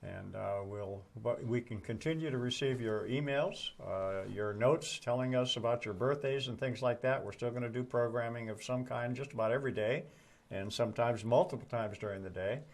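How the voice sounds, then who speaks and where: A man's voice: mid-range voice, normal speed, gravelly. Folksy guy doing casual morning show chat, bit of wry joking, regular mid voice.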